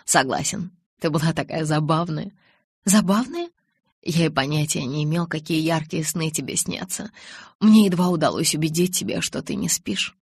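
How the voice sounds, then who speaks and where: A woman voicing a calm, gentle young male vampire who speaks softly and low. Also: normal speed, creaky, slightly rough, dry recording, heavily acted. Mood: tender. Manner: soft, low and restrained.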